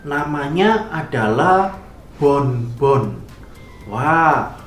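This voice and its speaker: A man teaching Sunday school, telling a story slowly and animatedly to children. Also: a little high, a little hiss or hum. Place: church room. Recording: echoey room.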